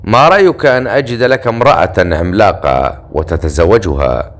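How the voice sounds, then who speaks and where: A self-assured male hero in an audiobook fantasy tale, dry and sarcastic in every exchange, as a male narrator voices him. His voice is low and composed. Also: animated, normal speed. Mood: wry. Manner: sarcastic, dryly teasing.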